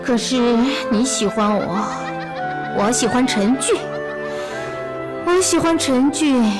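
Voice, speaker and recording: A tipsy, sharp-tongued young woman. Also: on the high side, animated, takes it slowly, loud music behind the voice. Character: tipsy young woman pining for another's man. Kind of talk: TV costume drama acting.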